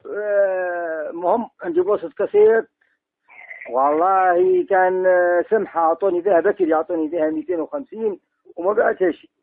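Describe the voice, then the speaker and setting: A man's voice: sits high, big pitch swings, brisk, gravelly, no room sound. A man with an Algerian accent on a phone call, rambling and haggling to sell old goods, heard over a phone line. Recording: tinny dry phone line.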